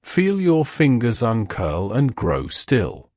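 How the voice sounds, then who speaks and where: Slow, soothing man guiding deep relaxation. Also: huge pitch swings, darkish tone, no echo, clean studio sound. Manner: slow, soothing, drawn-out delivery. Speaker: sleep hypnosis guide. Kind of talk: guided relaxation script.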